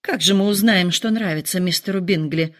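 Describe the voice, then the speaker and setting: A woman voicing a nervous, excitable middle-aged mother who complains in shrill, dramatic outbursts. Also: normal speed, natural voice. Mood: fretful.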